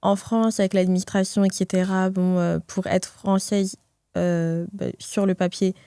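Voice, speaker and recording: Gentle woman interviewer, mellow and dry. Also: mid-range voice, level tone, measured pace, clean tone, dry recording. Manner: gentle, probing questions with fillers. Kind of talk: casual podcast conversation.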